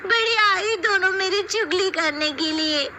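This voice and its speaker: A woman's voice: extremely high pitch, a little slow, bright, forceful tone, slight background noise, pitched above the performer's own voice, full character voice. A woman voicing a young, defiant youngest daughter-in-law in a cartoon story, with an indignant, whiny way of talking.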